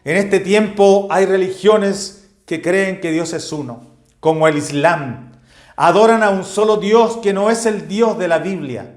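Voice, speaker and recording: A man's voice: high-pitched, measured pace. A male pastor preaching a doctrinal sermon and citing Bible verses one after another. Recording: echoey room with faint music.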